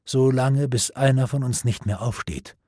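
A man reading an audiobook, voicing a proud, stubborn male knight who talks defiantly even as he weakens. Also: mid-range voice, normal speed, dry recording, studio quality, lightly acted. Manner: defiant, then weak and breaking.

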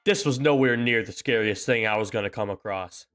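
A man giving casual, excitable gameplay commentary, exclaiming and swearing at what he comes across. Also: lowish voice, brisk, faint music behind. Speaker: gamer.

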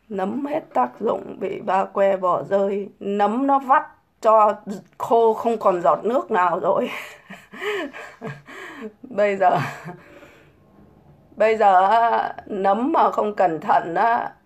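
A middle-aged woman ranting scornfully on a casual livestream, full of mocking rhetorical questions. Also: mid-range voice. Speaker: livestream host.

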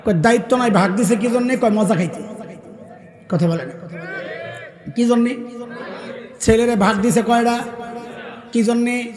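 A man's voice: very high-pitched, measured pace, pauses often. A man with a Bangladeshi Bengali accent preaching a sermon, emphatically quizzing the crowd with call-and-response questions. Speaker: Islamic preacher. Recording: echoey hall with long reverb.

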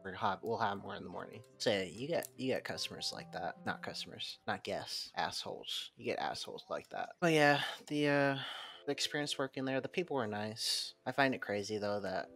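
Guy with a low gravelly voice ranting about his old hotel job, blunt and a bit rambly, music playing behind. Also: lively intonation, a little fast, fairly bright tone. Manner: blunt, rambling, casually profane. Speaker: former hotel night clerk. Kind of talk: casual storytelling vlog. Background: background music.

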